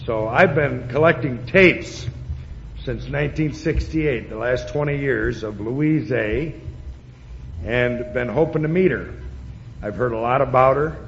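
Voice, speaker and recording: A man addresses a meeting informally as he introduces a guest speaker. His phrasing is halting and deliberate. The recording is dull and reverberant, with faint noise behind him. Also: medium pitch, vocal fry, fairly bright tone. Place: large meeting hall. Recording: echoey hall, dull noisy old tape.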